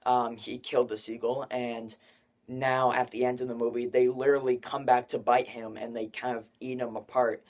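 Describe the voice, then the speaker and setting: A man's voice: mid-range voice, level tone, moderate pace. A young man hosting a casual spoiler discussion of a film, rambling with many fillers. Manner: rambling, filler-heavy, says 'like' often. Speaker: film review host.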